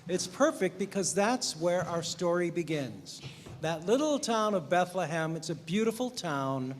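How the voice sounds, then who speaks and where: A man's voice: high voice, animated, measured pace. A man leading worship and narrating a Christmas story to a congregation, in an upbeat, coaxing, playful manner. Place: church sanctuary. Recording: reverberant church hall with faint noise.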